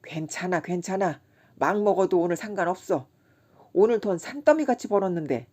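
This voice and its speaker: A woman's voice: fairly low pitch, lively intonation, normal speed. A woman voicing a rowdy drunken rickshaw man. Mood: boisterous. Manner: loud, boisterous drunken shouting. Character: rowdy drunken middle-aged male rickshaw puller. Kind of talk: audiobook character voicing.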